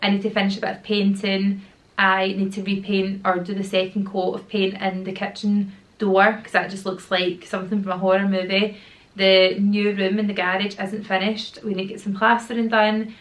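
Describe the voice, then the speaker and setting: A Glaswegian Scottish woman in her thirties, YouTuber and mother, talks casually to camera at home while her children are nearby, rambling, slangy, and a touch sore-throated. Her pitch is medium with little movement, and her pace is moderate.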